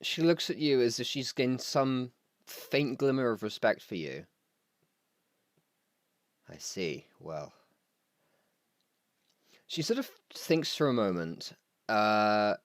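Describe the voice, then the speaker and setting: Low-voiced man running a tabletop game. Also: normal speed, no echo, clean studio sound. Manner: loose narration with fillers. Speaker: game master.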